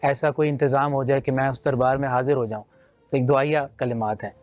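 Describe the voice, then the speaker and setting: A man's voice: mid-range voice, steady tone, a little mellow, faint music behind. A man judging a naat recitation contest, explaining in a teacherly way with simple everyday examples. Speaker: naat competition judge. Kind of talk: judging feedback.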